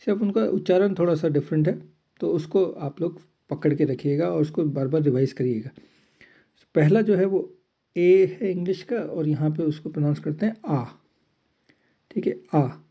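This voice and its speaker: A man teaching a lesson in a deliberate way, repeating each item twice. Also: a little high, mellow, slightly rough. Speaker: language teacher. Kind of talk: slow spoken lesson. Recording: slightly muffled lo-fi recording.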